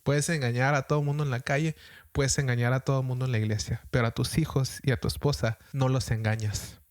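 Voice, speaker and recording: A man's voice: medium pitch, steady tone, fairly quick, no room sound. Earnest man preaching in a dry voice. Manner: earnest, exhorting, repetitive. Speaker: pastor. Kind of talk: podcast sermon.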